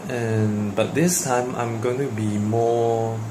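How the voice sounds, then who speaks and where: A young Malaysian man whose first language is Mandarin talks casually to the camera in a personal vlog, using Malaysian English. He speaks slowly in a steady, medium-pitched tone, hesitating with many fillers and restarts, with background noise behind him.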